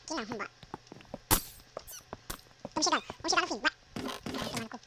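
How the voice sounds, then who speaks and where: Brazilian woman gamer, high lively voice, swears and yells at the game, noisy recording. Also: quick pace. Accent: Brazilian Portuguese. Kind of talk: casual gameplay commentary.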